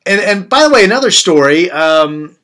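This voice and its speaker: A man giving a casual weather update, relaxed and chatty, with the hiccups and small self-corrections. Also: high-pitched, normal speed. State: has the hiccups. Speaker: weather forecaster.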